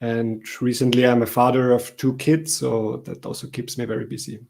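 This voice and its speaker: A man from Austria giving a talk at an online meetup, relaxed and speaking with frequent ums and uhs, over a video call. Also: medium pitch, normal speed, gravelly. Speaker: conference speaker.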